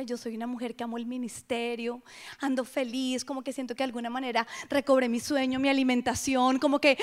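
A middle-aged woman giving an animated personal testimony to a women's gathering, dropping now and then to hushed whispers. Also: high voice.

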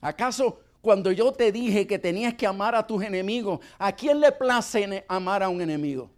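A middle-aged man preaches with a voice that climbs high and swoops widely. He acts out little conversations with God and with his wife. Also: lively intonation, moderate pace, darkish tone. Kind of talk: sermon.

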